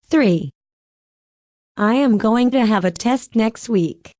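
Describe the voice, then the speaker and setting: A woman narrating audio for an English textbook reads numbered practice sentences very slowly and deliberately, as if dictating. Her middle-pitched voice is expressive and dark in tone, recorded close and dry in this scripted listening narration.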